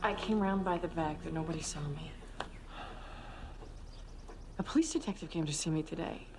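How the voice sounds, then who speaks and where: An actress playing a coolly manipulative, seductive lover in a television crime drama, her voice sometimes breathy. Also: on the low side, expressive, fast talker, background noise, close to an everyday voice. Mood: tender.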